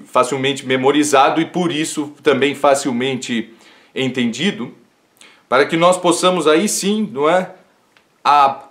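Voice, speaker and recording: A man teaching classical literature in a livestream lecture, talking in an unhurried way with frequent fillers and "isn't it?" tags. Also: medium pitch, fairly bright tone.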